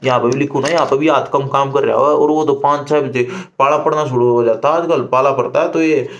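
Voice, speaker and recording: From an indoor room, a young man who vlogs as an exam candidate talks casually to camera, giving his viewers chatty, repetitive, conversational advice. His mid-range voice is steady and a little fast, and the audio sounds dull.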